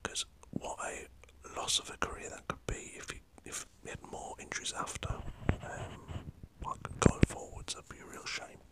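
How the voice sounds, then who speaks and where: The audio is poor as a northern English man whispers football talk for an ASMR channel at a moderate pace, barely pausing. He rambles, chats away, swears mildly, and speaks to a camera set up before him.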